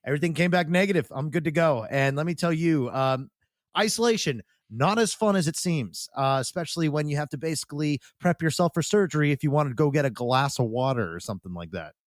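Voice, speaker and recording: A man's voice: fairly high pitch, animated, fast, no echo, clean studio sound. A man hosting a podcast and chatting casually. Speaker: podcast host. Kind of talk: casual chat.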